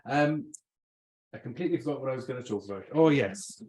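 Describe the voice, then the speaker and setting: A man's voice: medium pitch, lively intonation, a little fast, darkish tone, rough recording. A man from Swansea with a Welsh Swansea accent gives an informal public talk as an invited arts speaker, conversational and thinking aloud. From Swansea, South Wales.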